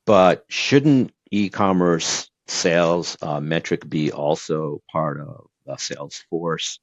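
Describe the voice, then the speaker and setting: Rumbling low and slow, this Portuguese-speaking man from Brazil gives sincere advice in a relaxed interview, frequently restarting and using fillers. The audio is dull, with no echo.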